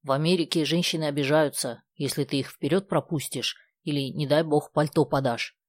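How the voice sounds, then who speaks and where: A woman reading aloud the lines of a confident, argumentative teenage boy in a calm, even manner. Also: sits low, brisk, dry recording. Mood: self-assured. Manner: self-assured, argumentative.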